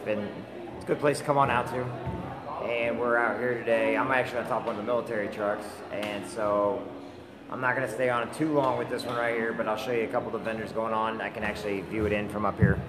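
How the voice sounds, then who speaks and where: A man's voice: lowish voice, steady tone, fast. Chatty man at a noisy fair. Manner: chatty, promotional, upbeat. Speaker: vlogger doing a live feed. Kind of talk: casual live walkaround commentary. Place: large fair barn with crowd, outdoors and indoors. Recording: echoey, reverberant with loud crowd noise. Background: loud fair crowd.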